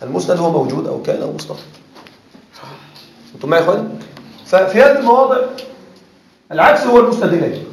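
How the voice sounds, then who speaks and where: Fast, high-voiced male teacher in an echoey room. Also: sing-song, vocal fry, slight background noise. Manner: keeps checking that students follow. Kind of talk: classroom lecture. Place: classroom. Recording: echoey classroom.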